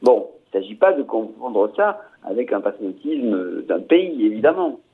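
A man's voice: fairly low pitch, big pitch swings, normal speed, slightly rough. A man giving commentary in a radio discussion, hesitant and often repeating words with many fillers. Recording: tinny phone-line radio sound.

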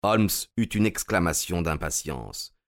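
Lower-voiced male audiobook narrator. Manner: measured, steady storytelling. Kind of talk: scripted narration.

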